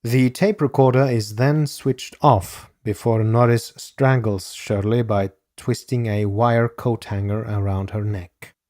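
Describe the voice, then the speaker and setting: A man narrating a true-crime podcast in a grave, measured reading. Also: medium pitch, a little mellow, no room sound, studio quality. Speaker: podcast host.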